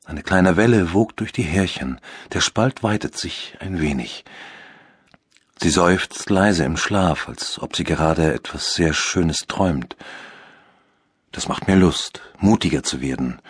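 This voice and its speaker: A man narrating a sensual first-person audiobook passage, soft and slow. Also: low-pitched, lively intonation, slightly rough, no room sound, clean studio sound.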